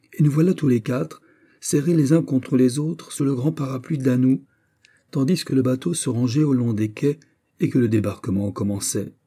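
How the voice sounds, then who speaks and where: A man reading a classic novel aloud as an audiobook, expressive and lifting his voice on exclamations. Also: fairly low pitch. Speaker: narrator.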